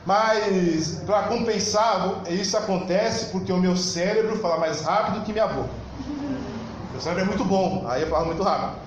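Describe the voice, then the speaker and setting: A man with a high voice preaches a church sermon in a Brazilian Portuguese accent. He talks fast and emphatically, at times rising to a shout. His voice rings around a very echoey church hall with faint noise underneath. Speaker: pastor.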